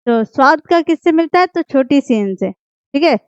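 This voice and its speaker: A woman's voice: high voice, lively intonation, normal speed, no room sound. A woman, teaching an Urdu writing lesson patiently and often checking that her students follow. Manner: patient, repeats checks like "ठीक है?". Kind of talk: explaining script lesson. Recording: dull, dry, lo-fi voice.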